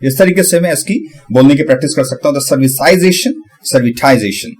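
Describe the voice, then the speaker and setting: A man giving a casual tutorial on pronunciation, breaking hard words into syllables and repeating them slowly. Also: mid-range voice, darkish tone, breathy edge. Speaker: channel host.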